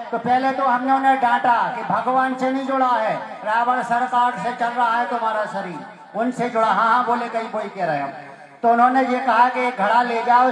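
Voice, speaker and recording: Male actor as a dutiful minister, very high projected voice, echoey stage, crowd audible. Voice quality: loud, projected, reporting stage delivery. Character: loyal minister to the demon king, adult man. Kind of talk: folk stage play acting.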